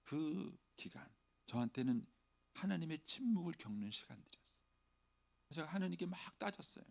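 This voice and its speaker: A middle-aged male pastor preaches a dawn sermon in a slightly high voice with vocal fry, very animated at a moderate pace. He acts out pleading prayers in a raised voice, then drops to soft near-whispers.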